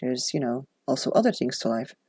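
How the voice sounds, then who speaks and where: A woman with a very deep, slightly mellow and husky voice speaks briskly in a sing-song manner, with no echo and a dry, close sound. Dutch is her first language. As a journaling vlogger, she chats casually, chatty and reflective, poking fun at herself along the way.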